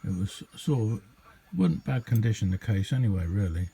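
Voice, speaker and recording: An easygoing middle-aged or older British man shows off a hobby without a script, hesitating and drifting as he goes. He has a warm, lowish, expressive voice at a moderate pace. Noise is clearly audible in this amateur home recording.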